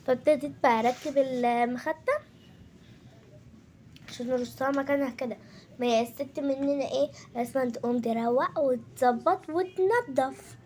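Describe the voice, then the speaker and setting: A woman's voice: sits high, moderate pace, a little mellow, slight background noise. A woman with an Egyptian Arabic accent narrating a casual home-cleaning vlog, chatting straight to her viewers as a group. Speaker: home vlogger.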